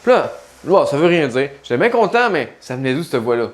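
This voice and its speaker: A man's voice: on the high side, big pitch swings, brisk. Man coaching the listener directly. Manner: talks straight to the listener, asks many rhetorical questions. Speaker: life coach and spiritual guide. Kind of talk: casual direct-to-camera monologue.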